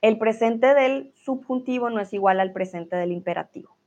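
A woman's voice: fairly high pitch, normal speed, a little mellow. A woman teaching a live online grammar lesson, patiently reading out student comments and correcting them. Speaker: Spanish teacher.

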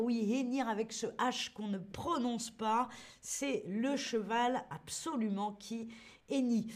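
Slow, playful woman teaching French. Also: on the high side. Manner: slow, clearly articulated, playful, reads chat names aloud; acts out shouts and boos for emphasis. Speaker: French teacher streaming to learners. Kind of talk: live-stream vocabulary lesson.

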